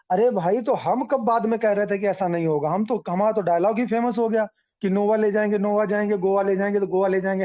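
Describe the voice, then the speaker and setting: A man's voice: high-pitched, dull audio. A man leading his team on a group call, talking earnestly and repeating his points with examples. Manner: earnest, repetitive, explains with examples. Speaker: team leader addressing members. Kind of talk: online group call talk.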